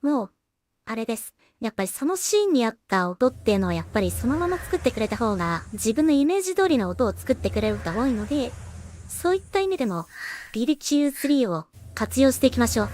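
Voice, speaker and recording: A solo animation creator and streamer gives casual work-along commentary, half talking to herself in short remarks that trail off. Her voice is a little high with a darkish tone, very animated and fast. Slight background noise is present.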